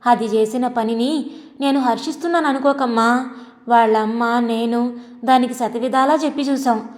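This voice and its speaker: A woman's voice: fairly high pitch, fairly even intonation, normal speed, natural voice. A woman voicing an elderly man, a grieving father who speaks in a pleading, heavy-hearted way. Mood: remorseful. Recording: long reverb.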